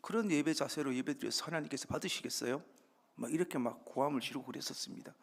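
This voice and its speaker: A man preaching a sermon as guest pastor, conversational and acting out little dialogues, with soft asides between louder lines. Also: mid-range voice, quick pace, creaky. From Andong, South Korea. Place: church sanctuary. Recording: reverberant church hall.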